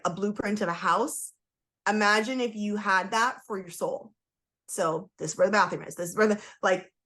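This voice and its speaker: A woman with a medium-pitched, fairly bright voice speaks as a podcast guest, a human design coach telling her story. She's forthright and emphatic, frequently saying "like," and hails from Toronto by way of Trinidad and Tobago.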